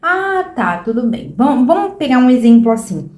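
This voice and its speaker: A woman's voice: high-pitched, big pitch swings, moderate pace, darkish tone. A woman with a Brazilian Portuguese accent, a mother giving parenting advice in casual talk to camera, emphatic and full of rhetorical questions. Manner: emphatic, keeps asking "entendeu?" and posing rhetorical questions. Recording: echoey room.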